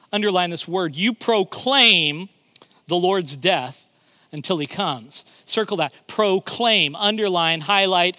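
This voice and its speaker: A man's voice: sits high, bright, forceful tone, dry recording. A male pastor preaching a sermon, emphatic and often repeating his words as he begins a thought.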